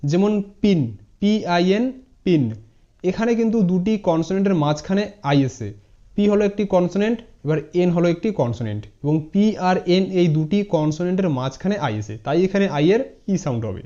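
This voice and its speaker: A man's voice: high-pitched, lively intonation, fairly quick, mellow. A man teaching English pronunciation in a spoken tutorial lesson, spelling words letter by letter and repeating each word. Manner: addresses viewers informally, mixing English words into Bengali. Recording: dull lo-fi sound.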